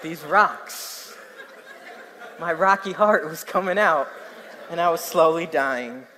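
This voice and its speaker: A young man from New Jersey, speaking with that region's accent, preaches a sermon in a slightly high, slow voice. He tells stories with animation and keeps asking his listeners questions. The recording carries a long hall reverb.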